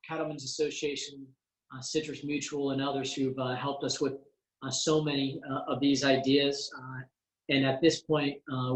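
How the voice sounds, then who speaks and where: A man, a congressman, briefing constituents over a conference call in a measured way, pausing often on "uh" and going through items one by one. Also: medium pitch. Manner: measured, frequent "uh" fillers, lists items one by one. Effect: heard over a conference call line. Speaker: congressman hosting a teleconference. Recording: roomy echo on a conference call.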